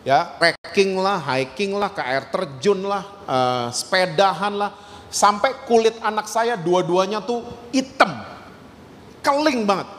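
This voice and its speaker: A middle-aged man preaching a sermon as a pastor, telling stories with animated acted-out quotes and mixing in English words. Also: high voice, slow, big-room sound. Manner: animated storytelling, acting out quotes.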